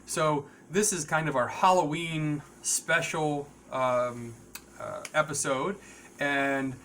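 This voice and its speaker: Halting male podcast host, noisy background. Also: fairly high pitch, fairly even intonation, bright, forceful tone. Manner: halting, rambling delivery with repeated words. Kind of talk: casual, unscripted talk to viewers.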